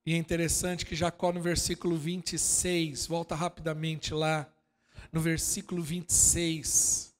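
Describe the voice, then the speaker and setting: A Brazilian pastor preaching a sermon, swinging from quiet asides to loud shouting and firing rhetorical questions at his congregation. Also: on the high side, flat delivery, unhurried, big-room sound. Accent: Brazilian Portuguese. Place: church hall.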